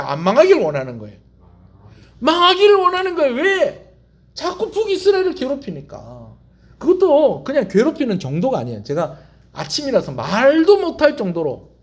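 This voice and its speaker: A male pastor, preaching a sermon as animated storytelling full of rhetorical questions and call-and-response. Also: high voice. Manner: leads the congregation in call-and-response.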